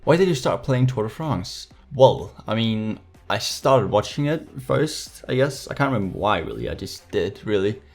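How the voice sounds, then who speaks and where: Hosting a Q&A for his viewers, an eighteen-year-old YouTuber from Denmark talks in a low-leaning, creaky, slightly mellow voice with a Danish accent. His chat is casual and full of jokes, slang, and playful sarcasm.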